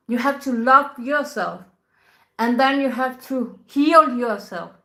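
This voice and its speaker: Speaking soft, unhurried English to the camera, a Danish tantra teacher talks casually and laughs often between her thoughts. Her voice is high, and her grammar shows she isn't a native speaker.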